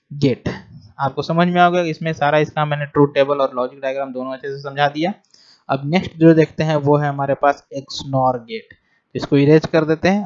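A male teacher giving a lesson, dictating definitions word by word and often checking that students follow. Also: a little high. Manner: dictates definitions slowly word by word, repeating phrases; checks understanding with frequent "ठीक है" and "समझ में आया". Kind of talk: whiteboard lesson on logic gates. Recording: dull lo-fi recording.

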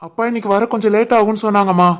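A woman voicing a young husband and son in an animated family drama, scolding and stern, with a Tirunelveli Tamil accent. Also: medium pitch, racing, lightly acted. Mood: caring. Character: young husband and son, short-tempered man.

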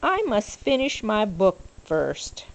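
An older woman voicing a young, dawdling storybook alligator full of reluctant excuses, in a creaky voice. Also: medium pitch, huge pitch swings, slow, heavily acted. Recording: noisy home video recording.

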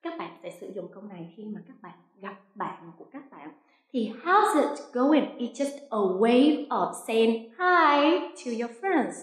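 A woman from Vietnam teaching an online English lesson, sounding out drills slowly and clearly and praising her learners. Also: a little high, sing-song. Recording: echoey room.

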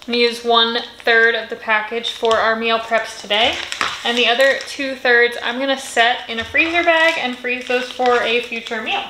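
A woman's voice: a little high, steady tone, moderate pace, reverberant, background noise. A woman giving a friendly step-by-step cooking voice-over in a home kitchen. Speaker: cooking channel host.

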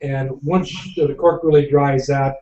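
In a mellow, steady mid-range voice, a little on the slow side, an older man chats long and loosely, with many fillers, while hosting a live tasting for his winery. He's on a video call from his home office, and the webcam sits far off, leaving the sound dull and echoey.

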